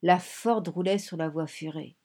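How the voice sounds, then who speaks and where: A woman reading a novel aloud in measured, vivid scripted narration. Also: low-pitched, warm tone. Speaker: audiobook narrator.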